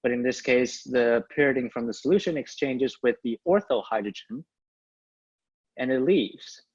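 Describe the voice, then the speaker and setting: Young male student, science presentation, methodical step-by-step delivery, rough-edged voice, muffled video-call audio. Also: medium pitch, normal speed. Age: young adult. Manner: formal, methodical, signposting each point. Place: indoor room, on a video call. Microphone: video call microphone.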